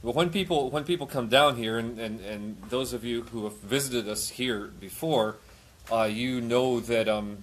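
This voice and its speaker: A man's voice: medium pitch, normal speed, slight background noise. A man hosting a live missionary interview. He stumbles, repeats his words, and laughs easily. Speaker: missionary host.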